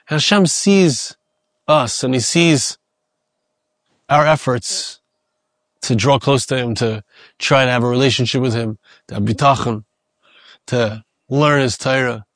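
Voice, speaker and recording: A man's voice: mid-range voice, a bit bright, no echo, studio quality. A rabbi giving a reflective Torah sermon. He repeats key phrases as he goes.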